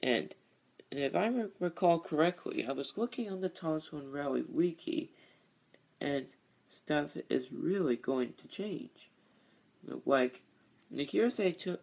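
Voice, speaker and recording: A man hosting a casual, rambling vlog, halting and repeating his phrases as he goes. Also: a little high, vocal fry. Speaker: video host, toy train hobbyist.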